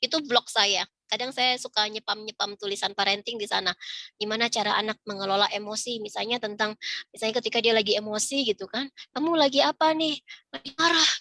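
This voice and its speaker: A woman's voice: mid-range voice, fairly even intonation, quick pace, bright, forceful tone, no room sound. A middle-aged woman speaking on a video call, giving a casual parenting talk and acting out little dialogues with children. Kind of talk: informal webinar talk.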